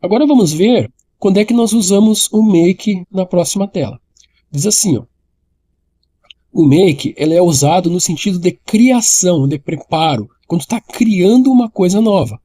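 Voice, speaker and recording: A man's voice: sits high, expressive, normal speed, mellow. A man, explaining an English grammar lesson directly to the viewer and repeating key points. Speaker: English teacher.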